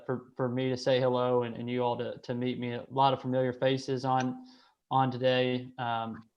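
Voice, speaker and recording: Guy in his 30s hosting a video call, flat voice, lots of uh and restarts, kinda muffled audio. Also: medium pitch. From Kentucky, USA. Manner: hesitant, with many restarts and fillers. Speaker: association director hosting a call. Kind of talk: casual online meeting talk. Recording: slightly dull call audio.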